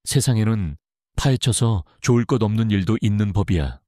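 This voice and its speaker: A man voicing an old village chief who speaks in a low, guarded, warning tone. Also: animated, moderate pace, dark tone, no echo, studio quality, lightly acted. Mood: cold warning.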